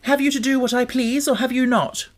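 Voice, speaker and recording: A man's voice: very high-pitched, fairly even intonation, fairly quick, voice pushed up. A man voicing a spoiled, sickly rich young boy in an audiobook, haughty and commanding. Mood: imperious.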